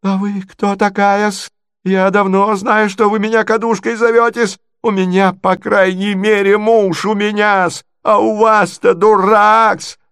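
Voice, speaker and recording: A man's voice: high-pitched, flat delivery, unhurried, fairly bright tone, clean tone, no echo, studio quality, voice pushed up. A man voicing a quarrelsome provincial lady who squabbles shrilly and indignantly.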